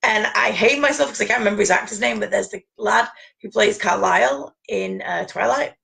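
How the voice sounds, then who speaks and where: A woman co-hosting a casual chat, rambling and chatty with frequent laughs and a gravelly voice. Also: mid-range voice, a little fast, sharp tone. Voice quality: gravelly, creaky voice. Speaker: podcast co-host. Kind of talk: casual chat about fan conventions.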